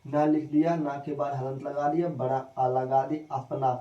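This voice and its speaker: A man's voice: mid-range voice, little pitch movement, warm tone, far from the mic, lo-fi sound. Man teaching spelling in an echoey room. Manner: repeats himself, quizzes viewers with quick questions. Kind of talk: spoken spelling lesson.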